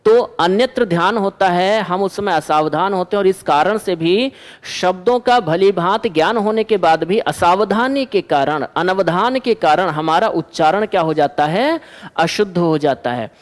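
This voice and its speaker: A man's voice: sits high, expressive, measured pace, big-room sound. A male teacher giving an exam-prep lecture, who asks the class questions and answers them himself.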